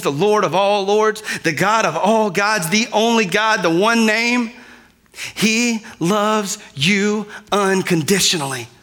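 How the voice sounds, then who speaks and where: A man preaching a sermon, shifting between quiet, drawn-out lines and loud cries. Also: high-pitched. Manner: dynamic, swings from soft to loud. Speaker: pastor.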